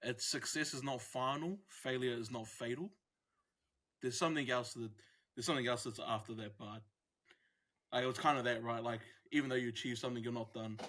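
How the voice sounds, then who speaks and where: A man co-hosting a casual podcast chat, animated and quick to laugh. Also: medium pitch. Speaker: podcast co-host.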